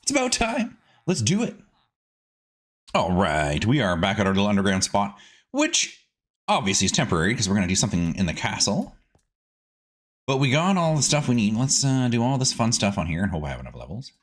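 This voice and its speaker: Speaking briskly but with long pauses, a man with a fairly low voice and huge pitch swings hosts a casual gaming video. His let's-play commentary is playful self-chatter full of silly words and sing-song asides.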